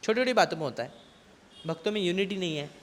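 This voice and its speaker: An Indian man giving a scripture class, reading English commentary slowly and deliberately, then explaining quickly in Hindi with a mix of English words. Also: sits high, lively intonation, slight background noise. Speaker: preacher. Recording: long hall reverb.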